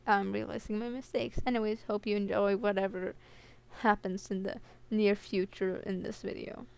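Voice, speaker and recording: A woman's voice: medium pitch, flat delivery, moderate pace, gravelly, darkish tone, slight background noise. Lisping young woman on a headset mic. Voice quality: slight lisp. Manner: rambling, self-deprecating, many fillers. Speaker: student presenter. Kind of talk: casual school presentation. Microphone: headset on computer, picks up breathing.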